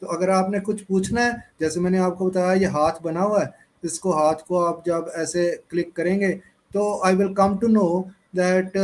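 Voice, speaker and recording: Slow, deliberate male English teacher. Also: sits high. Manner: slow, deliberate, spells out words letter by letter. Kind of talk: online class lecture mixing Hindi and English.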